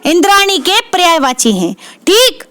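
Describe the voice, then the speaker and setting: A woman's voice: extremely high pitch, very animated, moderate pace, fairly bright tone, no echo. A woman teaching Hindi vocabulary for exams, repeating each word and asking and answering her own questions. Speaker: Hindi literature exam tutor. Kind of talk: exam prep lesson.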